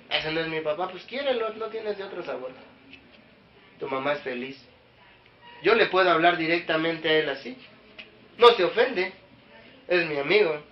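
A man preaches to a small congregation, questioning them directly and building to emphatic peaks. His voice sits high. The recording is echoey and dull, with a faint hiss behind him. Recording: echoey room, dull lo-fi sound.

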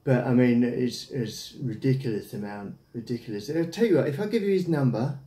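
Speaking briskly with lively intonation and a warm, mid-range voice, this prank caller is an Englishman in his thirties. He chats casually on the phone but hesitates and rambles. The recording comes from a camera at roughly arm's length in a small, echoey domestic room indoors.

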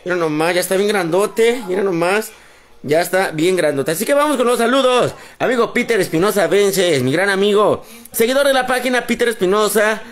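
A man's voice: high voice, lively intonation, fairly quick. A man with a Mexican Spanish accent hosting a casual livestream, reading out greetings to followers and talking tenderly to his baby. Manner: affectionate baby talk mixed with shout-outs. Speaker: livestream host. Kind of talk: casual live-stream greetings.

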